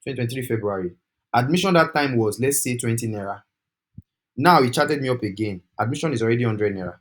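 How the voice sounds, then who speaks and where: A young Nigerian man with a Nigerian accent, giving an animated, persuasive talk on a group call and slipping into pidgin. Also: mid-range voice, fast talker. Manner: animated, switching into pidgin, preachy. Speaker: study-abroad agent.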